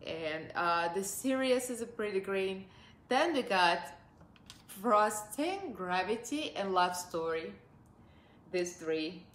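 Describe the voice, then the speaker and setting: Taking it slowly, this Russian-accented woman speaks in a mid-range, fairly bright voice with lively intonation, and the sound is reverberant. In her forties and from Russia, she's a beauty vlogger on her living room sofa, chatting upbeat through a makeup review and laughing often.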